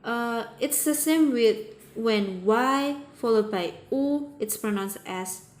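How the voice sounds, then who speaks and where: A woman with a fairly high voice teaches a language lesson at a very slow, deliberate pace. She explains patiently and repeats example sounds one by one. The room around her is echoey.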